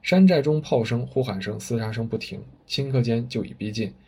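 A man's voice: medium pitch, brisk, warm tone, breathy edge. A man telling a story with vivid, dramatic narration. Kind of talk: spoken storytelling.

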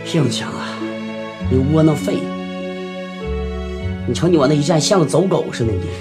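An actor playing a stubborn, quick-tempered old village grandfather who scolds loudly. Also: fairly high pitch, lively intonation, over loud music, close to an everyday voice. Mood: scolding. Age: older. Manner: loud, scolding, blustering.

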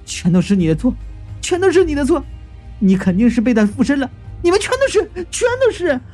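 A man's voice: very high-pitched, fairly quick, soft background music, voice pushed up. A man voicing a hysterical, terrified young woman who stammers, sobs and shrieks.

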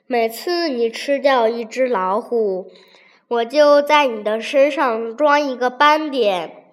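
A woman's voice: a little high, takes it slowly. A woman doing a deer mimicking a solemn emperor.

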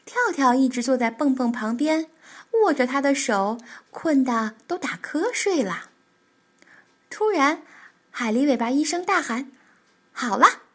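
A woman reading a children's picture book aloud as a storyteller, animated and expressive. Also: sits high, measured pace.

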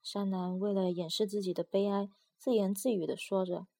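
A woman narrating a storybook in an even, storytelling manner. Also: medium pitch, moderate pace, vocal fry.

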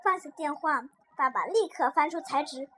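A woman reading a children's story aloud in a lively, expressive way. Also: high voice, moderate pace, slight background noise.

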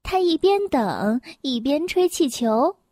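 A woman reads a children's picture book aloud in a gentle, clear, expressive way. Her voice sits high and light. The sound is dry and close. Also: takes it slowly, no echo. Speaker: storyteller.

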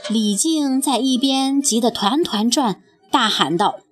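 A woman narrating a children's storybook in an expressive, lilting way. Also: fairly high pitch, measured pace. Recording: faint music bed.

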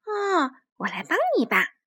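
A woman's voice: sits high, very animated, unhurried, bright, forceful tone, dry recording, studio quality, full character voice. A woman voicing a kind, brave little hedgehog, eager and cheerful, in a storybook reading.

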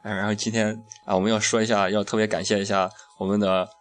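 Low-voiced man, casual radio host. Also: little pitch movement, fast talker. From Shaanxi, China. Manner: irreverent, crude slang. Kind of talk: casual chat. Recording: music behind the voice. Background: background music.

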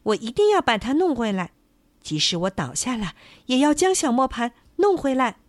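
A woman voicing a brave, determined male rooster with a high, bright crowing voice in a storybook tale. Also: very animated, moderate pace, no room sound.

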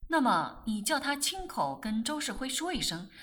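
A woman voicing a calm, thoughtful grown man who speaks in a low-key, measured, sighing way. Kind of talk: audiobook character voice.

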